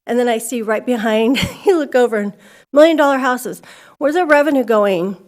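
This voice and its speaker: Delivering public comment at a school board meeting, a woman from California stands at the podium mic in a civic center meeting hall. Her high-leaning voice has a darkish tone and moderate pace, and her candid, conversational manner turns emphatic as she goes.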